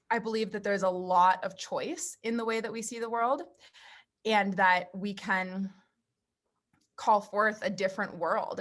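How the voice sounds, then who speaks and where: A woman podcast guest giving a reflective, conversational answer in a thoughtful, deliberate, explanatory way. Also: mid-range voice, fairly bright tone.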